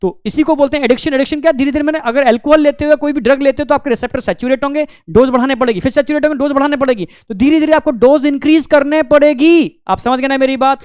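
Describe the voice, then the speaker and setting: A man's voice: very high voice, fast talker, hardly any pauses, darkish tone, no echo, clean studio sound. A man teaching biology in a casual, conversational lecture, often checking in with his students and acting out quotes from friends. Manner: chatty, keeps asking "ठीक है?", acts out friends' quotes.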